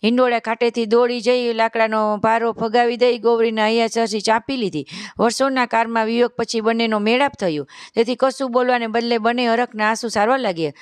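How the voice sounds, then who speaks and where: A woman storyteller narrating a devotional fasting tale in a steady, reverent reading voice. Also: on the high side, clear, resonant tone, dry recording.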